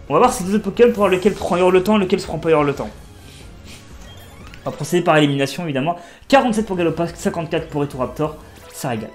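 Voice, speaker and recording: A man in his twenties giving casual, excitable commentary while playing a video game and talking to his viewers. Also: a little high. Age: 20s. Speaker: let's play streamer.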